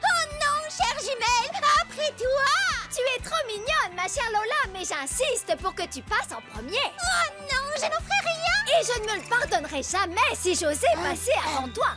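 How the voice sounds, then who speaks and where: A woman's voice: very high voice, very animated, normal speed, few pauses. A woman voicing dramatic, bickering young sisters in a cartoon dub. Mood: overpolite. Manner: dramatic, exaggerated politeness. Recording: music behind.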